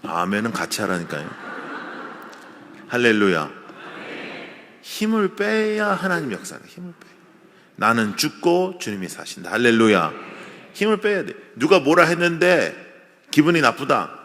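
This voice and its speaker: A man preaching a revival sermon in a conversational, animated way, acting out little scenes for the congregation, recorded in a large church. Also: mid-range voice, moderate pace, pauses often, slight background noise. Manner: lively, conversational preaching with acted-out asides. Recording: long church hall reverb.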